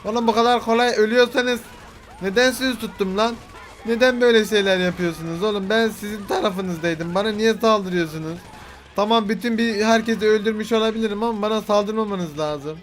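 A man's voice: sits high, brisk. A young man doing playful, boastful gameplay commentary, joking and swearing at the game characters. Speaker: gaming video host.

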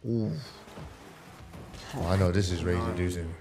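A man's voice: sits low, steady tone, moderate pace, loud music behind the voice. A man giving casual reaction commentary as a host, exclaiming often. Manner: laughs often, exclaims at clips. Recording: loud game clip noise behind.

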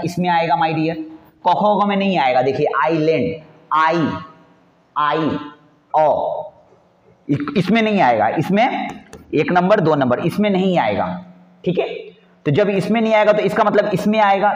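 A male teacher giving an exam-prep grammar lesson, repeating points and answering his own questions in a coaxing way. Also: sits high. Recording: echoey, dull lo-fi room sound.

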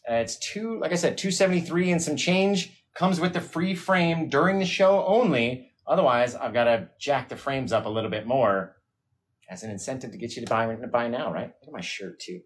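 Male livestream host, medium pitch, relaxed chatty delivery, reads viewer comments. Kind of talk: casual livestream chat. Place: home studio, hot room.

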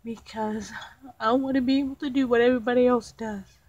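A woman vlogger speaking to her viewers from home in a slow, halting way, close to tears. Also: a little high, fairly even intonation, highs cut off, slight background noise. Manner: slow, halting, soft-spoken. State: tearful, holding back crying. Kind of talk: emotional personal confession to viewers.

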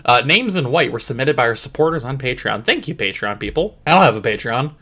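A young man giving crude, jokey commentary over a game, jumping into squeaky high voices. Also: animated, a little fast, sharp tone. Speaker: gameplay commentator. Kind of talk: comedic let's play commentary.

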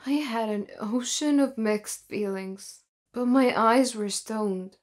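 Brief: female storyteller, first-person narration, slightly high voice, earnest and plain. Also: takes it slowly.

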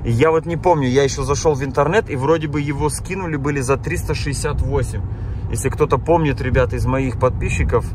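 A vlogger born in Kazakhstan who has lived in Germany talks fast in a mid-range voice while driving through town, chatting casually with viewers and often exclaiming at what he sees. He's a Russian speaker with an accent shaped by Kazakhstan and Germany, and background noise is audible.

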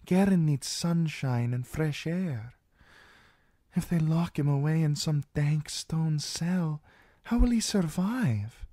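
A man's voice: fairly high pitch, lively intonation, slow pace, dark tone, no echo, clean studio sound, voice pushed up. A man voicing a scheming young princess, coaxing and confiding in a raised voice.

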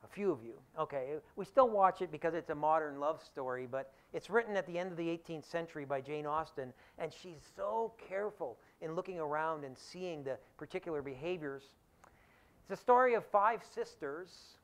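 A man, an economics professor, giving a public lecture in an animated storytelling way, with acted-out quotes. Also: on the high side.

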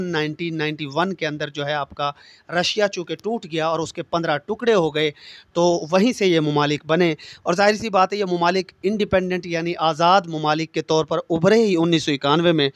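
A man's voice: fairly high pitch, no echo. A man with a Pakistani Urdu accent giving a casual exam-prep lecture, talking straight to his students and handing them memory tricks. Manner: chatty, addresses students directly, memory tricks. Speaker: teacher for competitive exams.

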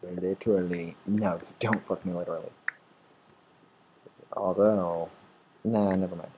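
A man's voice: low-pitched, steady tone, a little slow, narrow, tinny audio, slight background noise. A man giving rambling, swear-filled commentary while playing a game, talking at the monsters and restarting his sentences. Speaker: gameplay commentator. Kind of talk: rambling let's-play commentary. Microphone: desktop or headset mic.

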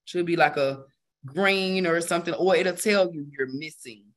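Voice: mid-range voice, moderate pace, fairly bright tone. A medical coding instructor teaching a casual live session, talking conversationally to the class, repeating key terms for emphasis and adding chatty asides.

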